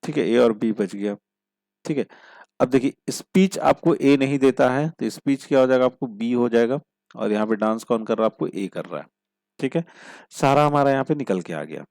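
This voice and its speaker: A man teaching a logic puzzle step by step, asking questions and answering them himself, and reading the problem statements slowly. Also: mid-range voice, lively intonation, darkish tone, dry recording. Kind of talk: step-by-step puzzle-solving lesson.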